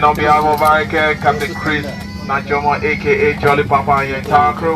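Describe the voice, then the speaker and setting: Male flight attendant on the cabin PA, rattling off scripted welcome lines, heard from afar. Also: on the high side. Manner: formal, recited. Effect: cabin PA announcement. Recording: distant cabin PA with engine noise.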